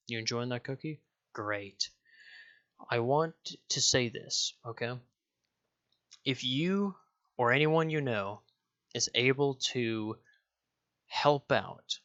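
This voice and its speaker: A man's voice: mid-range voice, fairly bright tone, muffled recording. A young man from Denmark, a YouTuber, talking casually to his viewers, rambling, correcting himself and swearing offhand. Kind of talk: casual direct-to-camera vlog.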